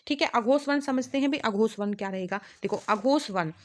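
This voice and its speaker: A young woman teaches an exam-prep lesson in a fairly high voice. She explains patiently, repeating each point and checking in with her students every few words. When she reaches the letters, she spells them out slowly, one by one. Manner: repeats "ठीक है" and "भाई" as constant checks.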